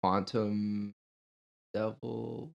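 A man with a fairly low voice speaks as a podcast co-host in natural, unscripted conversation. He sounds casual and a little hesitant, working out his thoughts as he goes. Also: little pitch movement, extremely slow, creaky, highs cut off.

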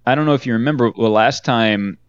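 A man's voice: medium pitch, fast, clean tone, no echo, lo-fi sound. A man co-hosting a podcast in casual joking banter, riffing in slangy, chatty phrases. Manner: riffing, slangy, repeats "know what I mean". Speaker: podcast co-host.

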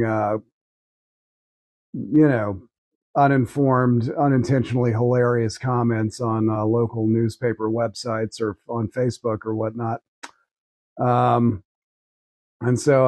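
Male, mid-range voice, halting sardonic delivery, casual conversation, dry recording. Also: mid-range voice, darkish tone, dry recording. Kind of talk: casual chat.

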